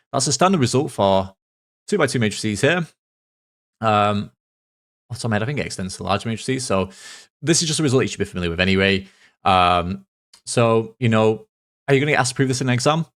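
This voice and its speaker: A man, a maths tutor talking through a worked solution step by step, a little hoarse from losing his voice. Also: on the low side. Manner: methodical, talks through steps aloud.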